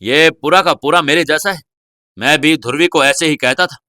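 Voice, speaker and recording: A man's voice: fairly high pitch, normal speed, dry recording, studio quality. Man playing a playful, fond father. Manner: gentle, teasing.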